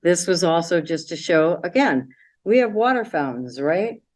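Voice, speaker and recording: A woman with a notably low voice talks casually through her travel slides. She rambles a little and fills pauses with "um" and "so" as she clicks along. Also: big pitch swings, darkish tone. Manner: chatty, meandering, with many fillers. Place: library meeting room.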